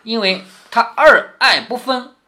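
A man's voice: extremely high pitch, slow, pushed and bright. A man reading a classic novel to his daughter, stopping often to explain and ask her questions. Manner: explanatory, asks the listener questions. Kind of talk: storytelling with running commentary.

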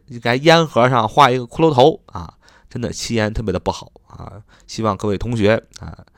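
A man teaching English vocabulary in a chatty lesson, spelling words out letter by letter and repeating them slowly. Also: on the low side, no room sound, clean studio sound. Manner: frequent "啊" fillers, chatty.

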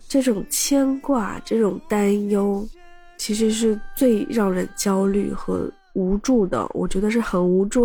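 A woman hosts a personal podcast in a casual, caring way. Her voice is husky and fry-laden, shaky and cracking as her throat recovers. Faint music plays underneath. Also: medium pitch, a little mellow. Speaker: podcast host. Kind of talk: casual personal chat to listeners.

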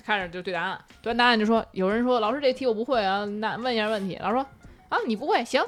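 A young woman, chatting casually and telling animated stories. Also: medium pitch, very fast, soft background music. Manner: animated storytelling, bursts of laughter. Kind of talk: casual chat.

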